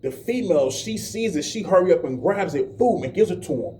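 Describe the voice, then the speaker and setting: A man's voice: animated, fairly quick, mellow. Man telling a street story, slightly distant. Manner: vivid street storytelling, acting out quotes in a higher voice. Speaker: storyteller giving a testimony. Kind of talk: animated spoken testimony.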